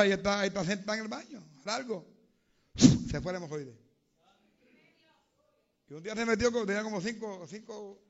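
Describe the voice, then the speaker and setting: A man preaching a sermon, telling testimonies and building to loud, fervent preaching. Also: sits high, muffled recording.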